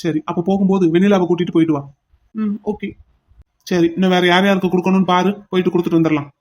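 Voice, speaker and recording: Man voicing humble young cartoon guy, polite, rapid talk, high voice. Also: little pitch movement, close to an everyday voice. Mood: casual. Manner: polite, quick and modest.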